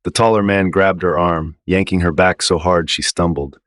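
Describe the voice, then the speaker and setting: A man reading a first-person horror story in a low, tense storytelling manner. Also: steady tone, moderate pace, a bit bright, no room sound, studio quality. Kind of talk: scripted first-person narration.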